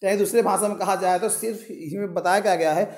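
Talking at a quick pace, a male teacher with a high-pitched, steady, darkish voice guides students through their exam syllabus. Rhetorical questions carry his explanations, along with repeated instructions to underline key points.

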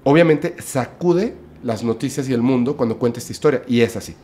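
A man, a podcast guest, telling a story in casual chat, lively, often adding "o sea" and "¿no?". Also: mid-range voice, a little fast. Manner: lively retelling, with "o sea" and "¿no?" tags.

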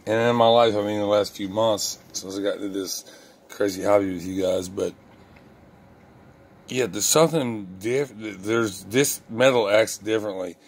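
A man with a low, gravelly voice chats to his viewers in a loose, rambling way. He stops and restarts often, fills the gaps with ums, and is candid about his own blunders. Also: normal speed. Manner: self-deprecating and candid. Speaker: lock-picking hobbyist vlogger. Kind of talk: casual talk to camera.

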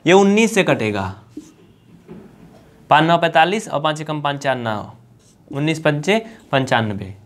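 An Indian man teaching maths online has a slightly high, animated voice. He coaxes his students along in a chatty manner, slowly repeating points and dropping in English textbook words.

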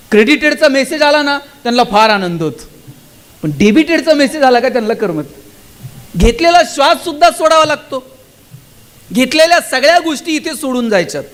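A man giving a motivational speech to students and teachers, addressing the audience directly with rhetorical questions. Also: extremely high pitch. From Maharashtra, India. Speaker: motivational speaker.

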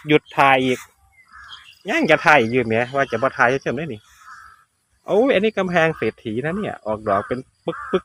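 A man's voice: mid-range voice, fairly bright tone. A man with an Isan accent, chatting to viewers as he walks through rice fields, recorded on a phone. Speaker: vlogger. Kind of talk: casual walking vlog. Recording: faint outdoor noise, insects.

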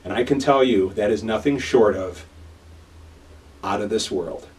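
A man's voice: lowish voice, measured pace, darkish tone, distant mic. A man giving a jokey congratulatory message to graduates.

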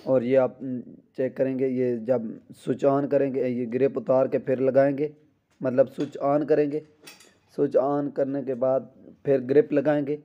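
A man's voice: mid-range voice, highs cut off. A man working as a car mechanic, walking through a repair step by step with small restarts, recorded on a phone in a garage. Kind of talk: hands-on repair tutorial.

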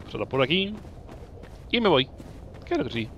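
Excitable Spanish man narrating gameplay. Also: medium pitch, moderate pace, dull audio, a little hiss or hum. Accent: Spain Spanish. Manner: excitable, teasing enemies, frequent yelps and laughs. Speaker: gameplay commentator. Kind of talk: playful let's-play commentary.

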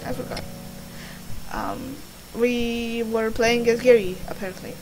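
A woman's voice: on the high side, steady tone, measured pace, noisy background. A young woman doing casual gameplay commentary in a rambling, sweary, self-deprecating way. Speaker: gaming video host. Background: game music.

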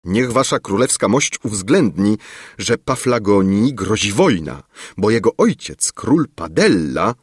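A man's voice: fairly low pitch, very animated, unhurried, breathy edge, no room sound, clean studio sound, heavily acted. A man voicing an anxious, fawning court minister in a storybook reading, urgent and pleading.

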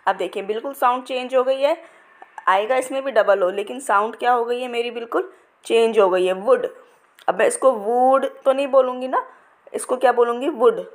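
A woman's voice: a little high, fairly quick. A woman teacher explaining a phonics lesson to other teachers, stretching words out to demonstrate long and short vowel sounds in a patient, explanatory way.

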